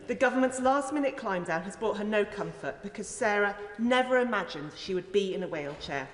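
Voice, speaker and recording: A woman's voice: medium pitch, expressive, a little fast. A woman, a member of parliament, giving an earnest, emphatic and rhetorical speech in a formal parliamentary debate. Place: large indoor parliamentary chamber. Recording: echoey, reverberant debating chamber.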